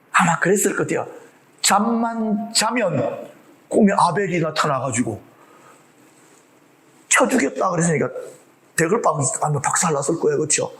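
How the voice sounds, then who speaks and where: A man preaching a sermon in an animated way, asking the congregation rhetorical questions and acting out the voices of the people in his story. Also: sits high, poor audio. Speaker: pastor.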